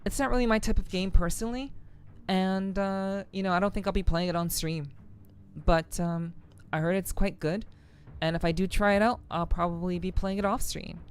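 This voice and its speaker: A woman chatting casually on a livestream in a friendly, welcoming way, her throat a little rough. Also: medium pitch, fairly even intonation, normal speed. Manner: friendly, chatty, gushing thanks and greetings. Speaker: streamer. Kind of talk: casual livestream chat, greeting viewers.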